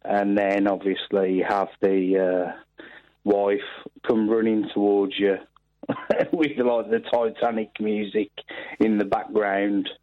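A man's voice: on the low side, flat delivery, takes it slowly, no echo. A man in his thirties calling in over the phone, hesitant and full of ums and restarts. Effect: heard over the phone. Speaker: caller to a phone-in show. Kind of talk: casual chat. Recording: dull phone-line sound.

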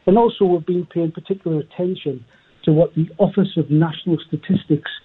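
A man's voice: a little high, brisk, breathy edge. A man calling a radio show over the phone, earnest and persistent, reciting figures through a muffled line. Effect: heard over a phone line.

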